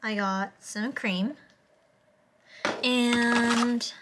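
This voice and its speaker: A woman's voice: fairly high pitch, fairly even intonation, extremely slow. Casual young female vlogger, noisy background. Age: young adult. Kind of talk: casual vlog narration.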